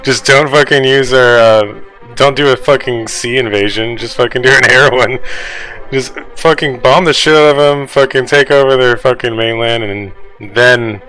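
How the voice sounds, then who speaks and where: A man rants through his news commentary, swearing constantly as he speaks straight to his viewers. His voice is bright and sharp, and his delivery is fast and fired up. Faint music plays quietly behind him. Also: medium pitch, low-quality recording. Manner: profane, ranting, heavy swearing. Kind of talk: casual reaction commentary on news articles.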